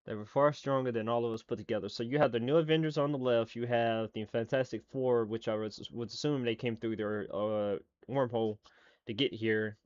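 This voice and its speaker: A man's voice: mid-range voice, steady tone, a little fast, a little mellow, no echo, dull audio. A man giving casual reaction commentary as a streamer, rambling with lots of fillers, restarts and swearing.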